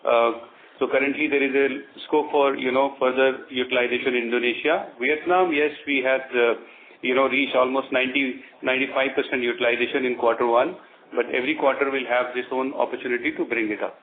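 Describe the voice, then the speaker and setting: On an earnings conference call, a finance executive with an Indian accent explains business figures off the cuff. His voice is medium-pitched, fairly even and brisk, coming through a thin, noisy phone line.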